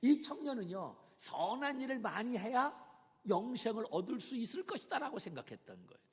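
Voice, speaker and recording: A male pastor preaching a sermon dramatically, swinging between loud emphasis and whispers. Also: very high voice, very animated, a little fast, big-room sound.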